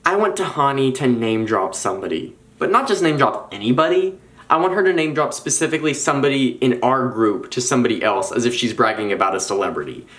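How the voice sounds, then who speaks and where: Young male vlogger, animated rambling chat, mid pitch. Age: young adult. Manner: animated, rambling, quick restarts. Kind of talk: casual chat.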